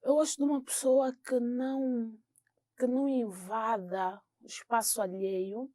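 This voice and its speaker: A woman's voice: fairly high pitch, steady tone, measured pace, warm tone, no room sound, studio quality. A young woman with an Angolan Portuguese accent, co-hosting a casual chat, speaking frankly and emphatically and often checking in with her listener. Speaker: podcast co-host.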